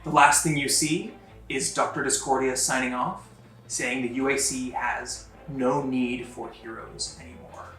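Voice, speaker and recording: A man runs a tabletop game, narrating scenes with a bright voice and a lot of energy. He is picked up from a distance in a roomy space with faint music behind him. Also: mid-range voice, unhurried. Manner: lively, laughs often, builds suspense. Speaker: game master.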